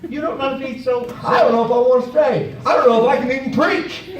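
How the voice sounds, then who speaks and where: A man doing a bumbling traveling preacher with a very high voice, rambling and tripping over his words, comically indignant. He sounds far from the mic in an echoey hall, with an audience faintly behind. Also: fairly even intonation, fast, noisy background. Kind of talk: live comedy sketch. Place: stage before a live audience.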